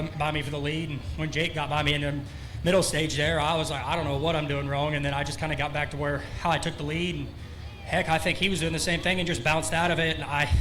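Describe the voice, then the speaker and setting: A man fresh out of the car talks quickly and a bit high, out of breath after winning the race. He rambles loosely through thanks with plenty of uhs and ums. Faint outdoor racetrack ambience behind him. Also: fairly bright tone, slight background noise. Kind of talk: post-race interview.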